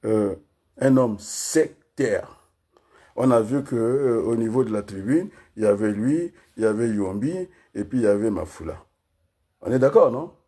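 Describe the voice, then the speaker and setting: Low husky man, rhetorical political talk. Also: lively intonation, brisk, dark tone. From Congo. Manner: rhetorical, keeps asking listeners for agreement; spells out words syllable by syllable. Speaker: political speaker.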